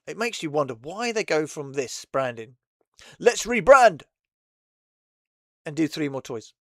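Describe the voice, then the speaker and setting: A man's voice: fairly high pitch, fairly bright tone, no echo, studio quality. A man hosting a casual chat, rambling and laughing often between thoughts. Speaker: host.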